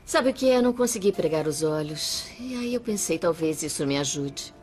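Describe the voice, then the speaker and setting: Low-voiced Brazilian temptress. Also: female voice, lively intonation, normal speed, a little mellow, soft background music. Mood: coaxing. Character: coaxing, seductive woman. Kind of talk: dubbed soap opera acting.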